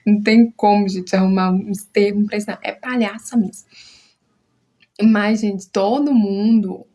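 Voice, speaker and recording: A woman's voice: medium pitch, fairly even intonation, moderate pace, warm tone. A woman who makes crochet, chatting casually and heartfelt with her followers on a live stream, sometimes dropping to a whisper. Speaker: crochet artisan.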